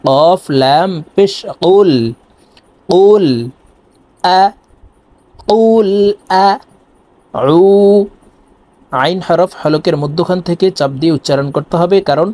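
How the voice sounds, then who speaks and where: A man with a fairly high voice teaches recitation in a video lesson. He talks directly to his viewers and takes each word apart patiently, sound by sound. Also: normal speed, darkish tone. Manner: patient and repetitive, breaking words down sound by sound.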